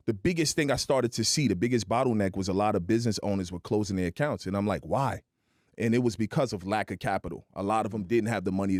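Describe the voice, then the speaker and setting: A man's voice: lowish voice, darkish tone, dry recording, studio quality. A man on a podcast telling his career story in a motivational way, often checking in with "right?". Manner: motivational, keeps adding "right?". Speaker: podcast guest.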